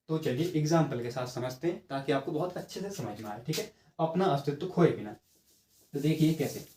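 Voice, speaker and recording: A man's voice: fairly high pitch, dark tone. Man teaching in an echoey room. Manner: explains step by step, often checks with "ठीक है"; stretches sounds to demonstrate them. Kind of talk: exam-prep grammar lesson.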